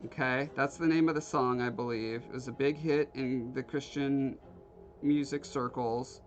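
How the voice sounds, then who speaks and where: An Alaskan man hosts a livestream, carving while he chats casually and jokes with his live chat in a rambling way. His voice is mid-range and steady at a normal speed, and soft music plays in the background.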